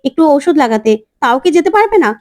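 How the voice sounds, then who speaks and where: A woman's voice: high voice, sing-song, quick pace, darkish tone. A woman playing a reproachful middle-aged aunt. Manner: reproachful, defending.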